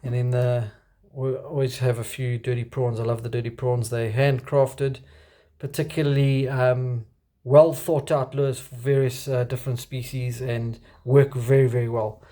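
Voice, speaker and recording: A South African man with a broad accent talks through his kit in a medium-pitched voice. He speaks off the cuff as an angler would on a casual vlog, feeling his way through sentences with halting phrasing. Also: flat delivery, mellow. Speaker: kayak angler presenting his gear. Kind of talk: casual unscripted show-and-tell.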